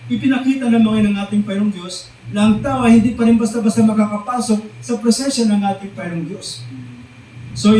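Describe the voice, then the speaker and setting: A man's voice: sits high, warm tone, slight background noise. Filipino man preaching in an echoey hall. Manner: mixes English scripture with Tagalog, keeps calling the congregation "mga kapatid"; drawn-out, emphatic quoting of lines. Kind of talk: sermon. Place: church hall. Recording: echoey church hall recorded from a distance.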